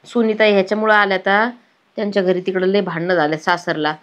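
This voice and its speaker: A woman's voice: medium pitch, flat delivery, fast talker. A woman, chatting worriedly as a daughter-in-law in a village sketch. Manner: chatty, worried, rustic dialect. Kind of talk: village comedy sketch acting.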